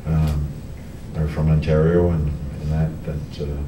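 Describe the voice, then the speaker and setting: A middle-aged man, a hockey coach, answering reporters at a post-game press conference, halting with many restarts and fillers. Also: a bass voice, flat delivery. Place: press room in front of a team backdrop. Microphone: table mic on a stand, heard from a camera farther off. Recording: echoey room, distant camera, background noise.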